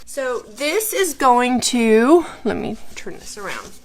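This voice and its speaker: A woman's voice: on the high side, very animated, takes it slowly, a crowd in the background. A woman teaching a live craft tutorial, explaining each step and checking in with the viewers. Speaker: craft instructor.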